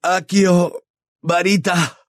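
Brave cornered teen boy wizard in an audiobook, pushed up high and tense, read by a man. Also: level tone, takes it slowly, no echo, studio quality. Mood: desperate. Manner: shouting, pressed.

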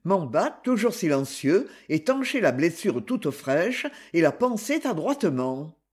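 A male audiobook narrator reads at an unhurried pace. His high voice moves through a lively range, and his tone is slightly husky.

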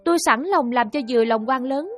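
A woman's voice: high voice, a little fast, faint music behind, natural voice. An actress voicing a young woman accused of murder who answers an official with earnest, deferential pleading in an audiobook drama.

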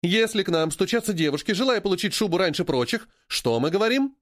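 A man's voice: high-pitched, lively intonation, fast talker, dry recording, clean studio sound, pitched above the performer's own voice. A man voicing a stern woman running a fashion house, barking orders like a drill sergeant. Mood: commanding.

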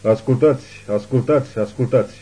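A man voicing a zealous old woman who calls herself a prophet, speaking in a hushed but imperious way. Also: on the low side, fairly even intonation, natural voice, rough recording.

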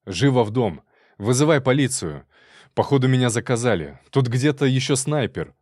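A man narrator voicing a fiery, quick-tempered businessman husband who barks gruff threats. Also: fairly low pitch, no echo, studio quality. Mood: furious.

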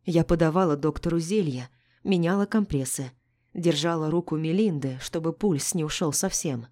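Low-voiced woman reading an audiobook. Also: moderate pace, warm tone. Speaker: audiobook narrator. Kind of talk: first-person audiobook narration.

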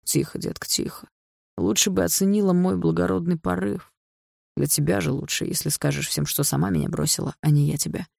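A woman's voice: fairly even intonation, fairly quick, vocal fry, darkish tone, no echo, studio quality. A woman doing a cold, domineering young man. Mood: hushed. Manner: cool, curt and low-key.

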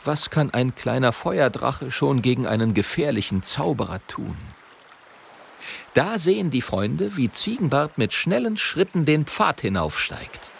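Slow, animated male storybook narrator. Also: medium pitch, gravelly, a little hiss or hum. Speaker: audiobook narrator.

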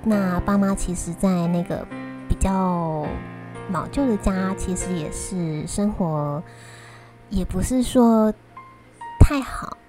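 A woman with a Taiwanese accent and a slightly low voice talks casually to her viewers. She chats while eating, with hesitant, halting phrasing. Music plays clearly behind her voice. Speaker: vlog host. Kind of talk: casual solo chat to viewers. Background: prominent music.

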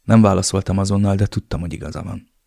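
Low gravelly male audiobook narrator. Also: fairly even intonation, warm tone, no room sound, clean studio sound. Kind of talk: first-person novel narration.

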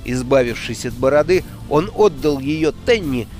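A man reading an audiobook story aloud in steady, measured narration. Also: medium pitch. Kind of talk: scripted narration. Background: music.

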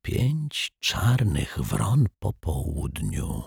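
A man voicing an earnest, slightly bumbling detective in an audiobook, in a gently reasoning manner. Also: sits low, expressive, measured pace, vocal fry, husky, dry recording, studio quality, full character voice. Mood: musing. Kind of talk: audiobook character voice.

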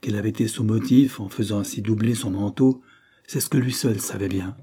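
A man narrating a novel aloud in a steady, measured reading. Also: fairly low pitch, slightly rough. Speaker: audiobook narrator.

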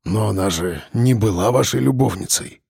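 A man voicing a stubborn, restrained male bodyguard who speaks low and tersely. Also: normal speed, creaky, darkish tone, breathy edge, dry recording, studio quality. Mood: grim.

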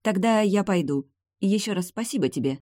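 A reader doing a jumpy, sharp-tongued young heroine. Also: medium pitch, normal speed, no echo, clean studio sound, pitched above the performer's own voice, lightly acted. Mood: sly. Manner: raised, excited, louder than the narration. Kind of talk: audiobook character voice.

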